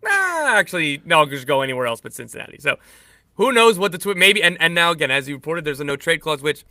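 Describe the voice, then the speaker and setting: A man with a very bright, forward voice talks through the latest news in a quick, animated way, often doubling back to correct himself. The sound is close and dry, with no room around it. His pitch sits a little high for a man. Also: dry recording. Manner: animated, self-correcting, jokey. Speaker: podcast co-host and insider. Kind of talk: casual sports chat.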